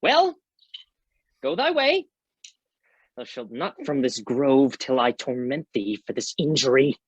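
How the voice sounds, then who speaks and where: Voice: medium pitch, fairly even intonation, normal speed, breathy edge, no room sound, lightly acted. An actor playing a jealous, imperious fairy king in declamatory Shakespearean stage style. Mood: demanding, vengeful.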